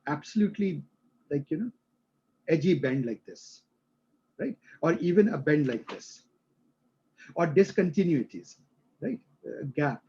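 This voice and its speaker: A man teaches a live class, talking through ideas with homely examples and tag questions to check understanding. His voice sits a bit high, with a mellow, husky tone. The audio is dull and lo-fi. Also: animated, measured pace, long pauses. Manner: explains with everyday examples, frequent "right?" checks. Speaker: instructor.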